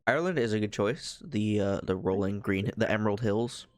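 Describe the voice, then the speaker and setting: Young man, lowish voice, dry close sound, casual podcast chat, halting with fillers. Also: no room sound. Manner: easygoing, halting, filler-heavy. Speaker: podcast co-host.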